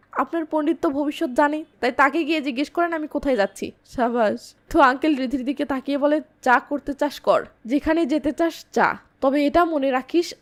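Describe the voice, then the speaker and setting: A woman narrates a film recap in a high, clear voice. She moves briskly through the plot and gives the characters' lines a touch of emphasis without fully acting them. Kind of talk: movie recap narration with quoted dialogue.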